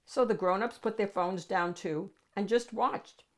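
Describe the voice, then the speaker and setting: A woman of medium pitch reads a picture book aloud to young listeners as a storytime host. Dramatic pauses and drawn-out key words shape her delivery.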